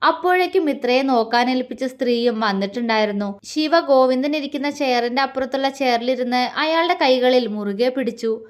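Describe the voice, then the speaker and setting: A woman narrates a romance story in a soft, even storytelling manner. Her voice is high-pitched. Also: a little fast.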